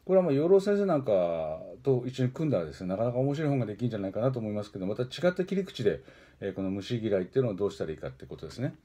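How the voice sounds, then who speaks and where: Fast-talking man with a mellow, dark voice. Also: lowish voice, big pitch swings, husky. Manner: rambling, with frequent filler pauses and self-corrections. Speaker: host of a weekly book-introduction stream. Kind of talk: casual spoken book review.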